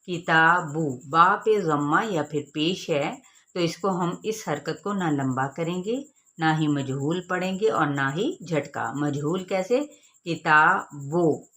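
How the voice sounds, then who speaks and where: Woman, recitation teacher, deep voice, unhurried, patient explanations, drawn-out chanting. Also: a bit bright. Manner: patient, explains each sound then models it in slow drawn-out chanting. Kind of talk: slow step-by-step recitation lesson.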